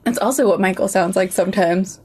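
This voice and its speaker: A woman's voice: mid-range voice, brisk, darkish tone, slightly rough. A woman co-hosting a podcast, chatting casually while taste-testing food, with blunt, grumbly reactions as she chews. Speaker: podcast co-host. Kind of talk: casual chat, food tasting.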